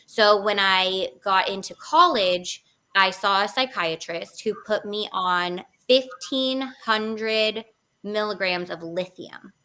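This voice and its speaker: A young woman in her twenties with a bright, sharp voice tells her personal story as an interview guest. She speaks candidly, with frequent pauses and fillers, at a medium pitch.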